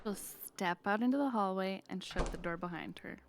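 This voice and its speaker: A woman player in a tabletop game, giggly and excitable as she describes her moves. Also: medium pitch, normal speed, a little hiss or hum.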